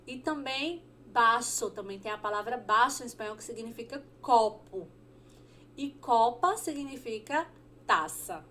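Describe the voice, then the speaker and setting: A Brazilian woman teaching a Spanish lesson, repeating each word slowly and checking in with short questions. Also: fairly high pitch, lively intonation, fairly bright tone, a little hiss or hum. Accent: Brazilian Portuguese. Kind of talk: online language lesson.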